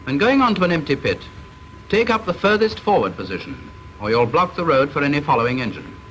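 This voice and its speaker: A British man reads formal scripted narration for a training film, his delivery measured, instructive and stern. His fairly high voice swings widely in pitch and sounds fairly bright. It plays on a vintage soundtrack with faint hiss, and the recording quality is low.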